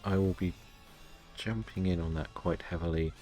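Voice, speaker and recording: A man casually commentating on his game stream and chatting to viewers in a low-key, resigned, self-deprecating way. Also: fairly even intonation, moderate pace, warm tone, faint music behind. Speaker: live-streaming gamer.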